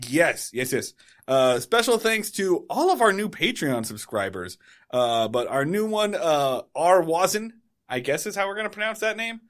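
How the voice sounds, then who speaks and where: This man's voice is slightly high and a bit bright, very animated, at an ordinary speed. Co-hosting a podcast, he wraps up casually by reading plugs in a meandering way, fixing his own slips as he goes.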